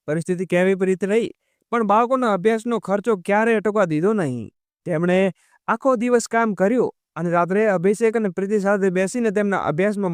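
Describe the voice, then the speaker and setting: A man narrating a moral story at a steady pace and calling his listeners friends. His voice is fairly high for a man and very smooth and clear, recorded close with no room sound. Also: no room sound.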